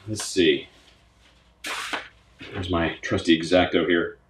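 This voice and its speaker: A man's voice: low-pitched, fairly even intonation, slow, slight background noise. A man hosting a casual unboxing vlog, talking enthusiastically and repeating his words as he goes through a gift box. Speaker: pipe tobacco channel host. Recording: roomy echoey room sound.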